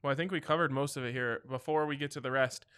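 A man's voice: mid-range voice, fairly even intonation, fast talker, fairly bright tone, clean tone. A man hosting a sports betting show in a casual, conversational style.

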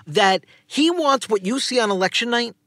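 A man's voice: very high-pitched, expressive, moderate pace, pushed and bright, no room sound, studio quality. A man co-hosting a political news podcast, giving emphatic conversational analysis and repeating key phrases for weight. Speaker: podcast co-host, political director.

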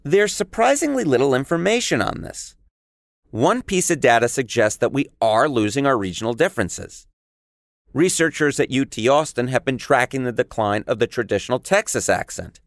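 New york guy hosting a podcast, reads his script with a bouncy up-and-down voice, middle pitch. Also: no room sound, clean studio sound. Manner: lively storytelling delivery with wide pitch swings. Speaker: podcast host. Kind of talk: scripted narration.

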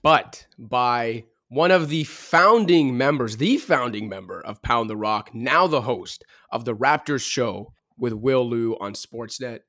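Male podcast host, energetic, stat-heavy delivery, close dry mic, mid-pitched voice. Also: unhurried, hardly any pauses, no echo. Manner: energetic, talks in long stat-heavy runs. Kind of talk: casual sports podcast chat.

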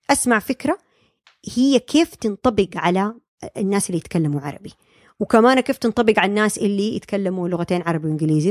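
A woman's voice: medium pitch, a little mellow, dry recording, clean studio sound. A young woman, a speech-language pathologist explaining her field in a casual interview, with many fillers and English terms. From Saudi Arabia.

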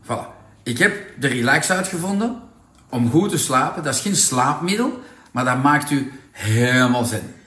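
A man with a Flemish accent presenting products in a casual, persuasive sales pitch, full of tag questions. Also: lively intonation, normal speed, pushed and bright, roomy sound.

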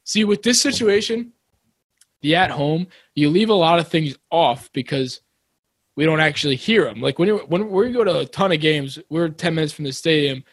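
Excitable, rambling New man. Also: fairly high pitch, moderate pace, breathy edge, dry recording, clean studio sound. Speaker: podcast co-host. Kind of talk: casual chat.

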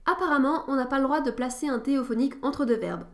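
A woman's voice: high-pitched, quick pace, soft background music. A woman hosting a scripted podcast lesson, with a wry, playful teacher's tone. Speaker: podcast host.

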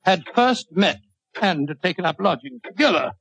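Genial older British doctor, high creaky voice. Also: male voice, animated, normal speed, a bit bright, no echo, exaggerated voice. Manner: avuncular, wordy, chuckling storyteller. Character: older genial British doctor reminiscing, Sherlock Holmes's loyal companion. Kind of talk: 1940s radio drama storytelling. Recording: dull old-time radio recording.

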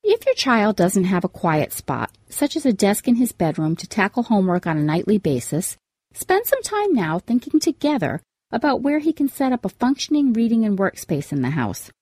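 A woman's voice: mid-range voice, sing-song, normal speed, darkish tone, no echo. A woman hosting a scripted parenting advice show in an upbeat, tidy, advice-vlogger manner, setting out tips with emphasis. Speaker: podcast host giving parenting tips.

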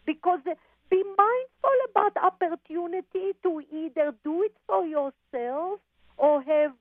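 A woman psychic medium heard over a phone line on a radio show, calling listeners darling and honey and pausing on fillers. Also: very high-pitched, no room sound. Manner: calls people darling and honey, halting with fillers. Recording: tinny dry phone line.

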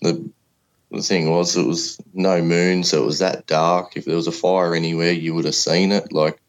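Telling his own story on a podcast, an Australian guest in his 30s sounds like an easygoing working bloke, plain-spoken and casual. His voice sits low, with a level tone and normal speed.

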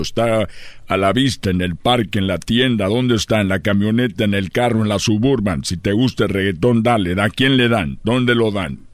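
A man's voice: fairly low pitch, dry recording. A man hosting a comedy radio show, telling a joke story and riffing in a playful, teasing way. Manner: joking, rhythmic, teasing. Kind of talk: comedic monologue with parody voices.

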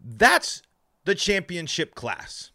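A man's voice: sits high, huge pitch swings, slow pace, sharp tone. A man hosting a live sports podcast, his mouth numb from the dentist, talking emphatically with stumbles and repeated words. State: mouth numb from dental work.

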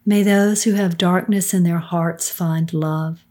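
A middle-aged woman with a soft, soothing, breathy voice, leading a guided meditation in a calm, unhurried manner with hushed phrase endings. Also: fairly low pitch. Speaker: guided meditation leader, podcast co-host.

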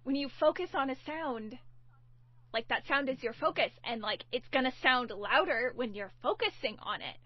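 A woman's voice: high voice, lively intonation, moderate pace, no room sound, highs cut off. A woman who makes audio dramas, chatting casually and saying "like" often. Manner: chatty, uses "like" a lot. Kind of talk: casual podcast chat.

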